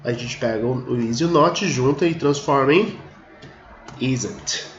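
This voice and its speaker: A male teacher giving a grammar lesson step by step, who reads example sentences slowly and deliberately and often says "look here" to the class. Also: mid-range voice. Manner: explains step by step, often saying "ó" and "olha só". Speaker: English teacher. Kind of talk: video lesson explaining grammar at a board. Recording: roomy, dull sound with faint noise.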